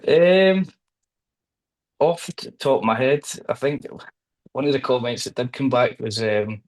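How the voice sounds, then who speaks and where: A man with a Glaswegian accent, talking through his workplace training and risk assessment work in an interview, hesitant with many pauses and restarts. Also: medium pitch, expressive, darkish tone, low-quality recording. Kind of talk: conversational professional discussion.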